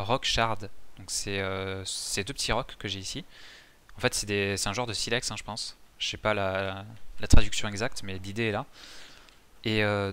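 A man's voice: lowish voice, pushed and bright. A man casually explaining a survival game's crafting as he plays, talking in a chatty way with many fillers and restarts. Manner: chatty, many fillers and restarts, mixes English game terms. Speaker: gaming youtuber explaining a survival game. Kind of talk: casual game tutorial commentary.

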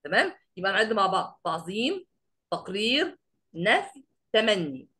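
A woman teacher with an Egyptian Arabic accent gives an online class lecture. She keeps quizzing the class and recites verses slowly. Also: medium pitch, very animated, pushed and bright.

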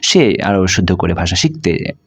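A man's voice: low-pitched, big pitch swings, normal speed, vocal fry, husky. A man teaching an explanatory video lesson, patiently walking through points, mixing in English terms and asking rhetorical questions.

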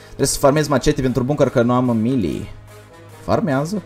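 A young man livestreaming a game, talking fast and energetically while reading out chat messages. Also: mid-range voice, darkish tone, soft background music. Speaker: gaming livestreamer. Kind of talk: casual livestream commentary.

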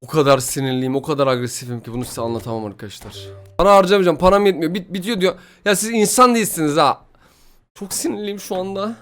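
A young man giving excited gameplay commentary while opening player packs, pleading and grumbling in frustration by turns. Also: on the high side, fast talker. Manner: swings from pleading to loud frustration.

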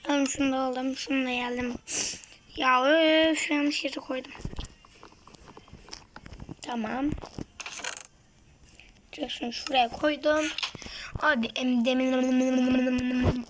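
A woman's voice: high-pitched, flat delivery, slow, pauses often, background noise. A woman giving casual gameplay commentary, muttering to herself and often dropping to a whisper. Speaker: gaming streamer.

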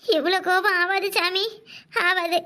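A woman's voice: extremely high pitch, flat delivery, measured pace, pushed and bright, full character voice. A woman voicing a caring, motherly village housewife in a cartoon, speaking in a soothing, pleading way. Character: kind caring village housewife, middle-aged. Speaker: cartoon voice actor. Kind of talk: cartoon voice acting.

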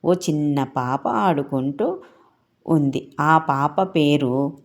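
A woman telling a children's story, gently addressing small children as their storyteller. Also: low voice, lively intonation, extremely slow.

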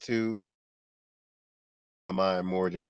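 A man with a lowish voice hosts a casual live stream, stumbling and repeating words as he talks. His audio glitches and breaks up into choppy fragments with dropouts. The sound is dry, with no room around it. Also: flat delivery, smooth, no echo, muffled recording. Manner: halting, repeats words as he restarts. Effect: choppy, breaking-up livestream audio with dropouts. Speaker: livestream host.

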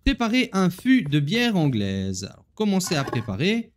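A man's voice: sits high, huge pitch swings, moderate pace, slight background noise. A man hosting a gaming video, chatting casually to viewers as he plays and laughing at himself. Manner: chatty, talks straight to viewers while playing. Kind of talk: casual gameplay commentary.

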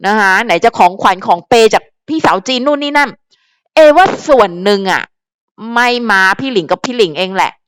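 A young woman talks straight to her viewers on her fan channel in a loose, rambling way. Her voice sits fairly high. The sound is close and dry. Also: brisk, clean tone, no echo. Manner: chatty, animated, rambling with fillers. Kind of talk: casual commentary to viewers.

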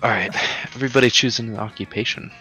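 A man's voice: medium pitch, steady tone, fast, bright, forceful tone, slightly rough, soft background music. A man in a casual let's play with friends, joking and reading game text aloud with some ham.

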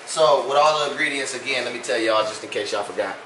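A young man with a Louisiana accent talks fast in a mid-range voice while cooking in his home kitchen for a cooking vlog, joking, teasing and laid-back. A phone camera on the counter picks him up, and the kitchen sounds echoey with background noise.

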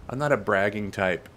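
A man's voice: fairly low pitch, a bit bright. A man hosting a let's play, chatting casually and self-deprecatingly and talking back to the characters on screen. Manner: rambling and self-deprecating, talks to the game characters. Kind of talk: casual gameplay commentary.

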